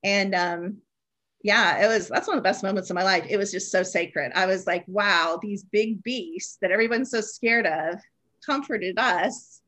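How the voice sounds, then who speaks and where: Woman guest, mid pitch, casual and awestruck, filler-heavy. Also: moderate pace, sharp tone. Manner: breathless, awed storytelling with many "like"s. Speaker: podcast guest, energy healer. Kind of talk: casual interview chat.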